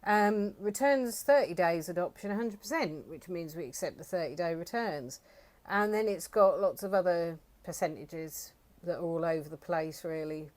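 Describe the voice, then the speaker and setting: A woman's voice: on the low side, moderate pace, a little mellow. A woman from the UK co-hosting a reselling channel, chatting casually with many fillers and reading bits from a report. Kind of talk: casual chat.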